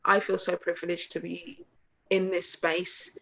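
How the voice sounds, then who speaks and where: A woman's voice: lowish voice, flat delivery, measured pace, bright, forceful tone, poor audio. A woman hosting a conversational interview, talking earnestly and repeating phrases for emphasis. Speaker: host.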